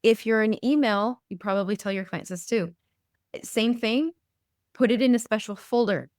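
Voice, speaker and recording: A woman's voice: fairly high pitch, normal speed, darkish tone, no room sound, clean studio sound. A woman hosting an interview podcast, reflective and drawing on her own experience as she asks questions. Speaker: podcast host. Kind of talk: podcast interview, casual chat.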